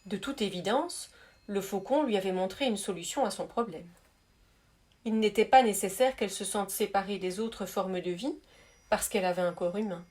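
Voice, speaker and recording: A woman reading a spiritual story aloud in a soft, measured, gentle narrating voice. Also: mid-range voice. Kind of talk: calm read-aloud storytelling.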